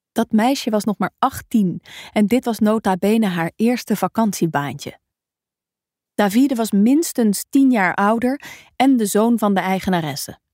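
A woman reading a novel aloud as a calm, even audiobook narrator. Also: mid-range voice, no room sound, clean studio sound. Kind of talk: scripted narration.

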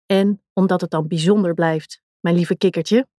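A woman's voice: lowish voice, fairly even intonation, normal speed, warm tone, no echo, clean studio sound, natural voice. A woman voicing a doting, easygoing king in a storybook reading, fond and coaxing. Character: doting, easygoing king, middle-aged man.

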